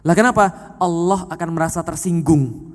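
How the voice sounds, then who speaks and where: Male preacher, high-pitched and animated, questions the crowd, reverberant hall. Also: normal speed. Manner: lively, questions the audience often. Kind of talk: sermon.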